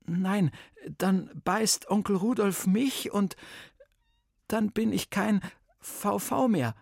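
A man's voice: sits high, takes it slowly, gravelly, darkish tone, dry recording, clean studio sound, pitched above the performer's own voice, full character voice. A man voicing a nervous boy vampire who stammers and repeats his words in a storybook reading. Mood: flustered.

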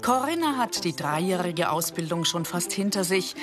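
A woman reading a scripted documentary narration in a calm, informative manner. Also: lowish voice, normal speed, music in the background.

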